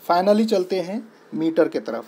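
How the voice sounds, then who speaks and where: A man's voice: high-pitched, very animated, measured pace, a little mellow, slight background noise. A young man with an Indian accent teaching a lesson, patient and repetitive, spelling words out letter by letter. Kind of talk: explaining lesson in Hindi-English mix.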